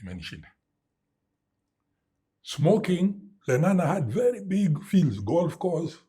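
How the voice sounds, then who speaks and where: A man's voice: fairly high pitch, measured pace, slightly rough. A middle-aged man with a Kenyan English accent, a guest in an interview, telling a story with sound effects and Swahili words mixed in. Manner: animated storyteller who mimics sounds and drops Swahili words.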